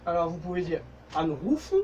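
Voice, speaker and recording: A man's voice: a little high, big pitch swings, normal speed, a little mellow, slight background noise, rough recording. A man with a French accent giving a casual, jokey language lesson, full of fillers and self-corrections. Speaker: German teacher.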